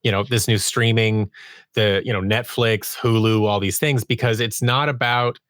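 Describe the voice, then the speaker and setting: A man appears as a podcast guest, an audio drama producer and sound designer, telling conversational stories about his creative work and acting out snippets of quoted dialogue. His voice is lowish and a bit bright, with a steady tone at normal speed. The sound is clean, studio quality, with no room sound.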